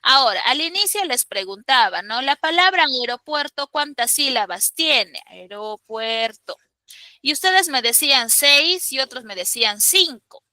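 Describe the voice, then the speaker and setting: Bright high-voiced woman teaching a class, dry close sound, keeps quizzing students. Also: expressive, normal speed, few pauses, no echo, rough recording. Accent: Peruvian Spanish. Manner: emphatic, questioning students step by step. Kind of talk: classroom grammar lesson.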